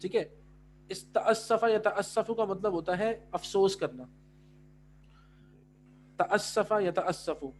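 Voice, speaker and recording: A man's voice: high-pitched, a little mellow, slight background noise. A male Arabic teacher explaining words in a class, switching between Urdu and English and often checking that students follow. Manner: mixes Urdu and English, keeps checking understanding.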